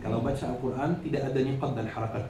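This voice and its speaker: A mellow, medium-pitched male voice, fast and steady, belongs to an Islamic preacher who is a native Arabic speaker with an Arabic accent. He teaches in a didactic religious lecture, repeating phrases and posing questions to listeners that he then answers himself. The audio is echoey and noisy, picked up by a distant microphone in the room.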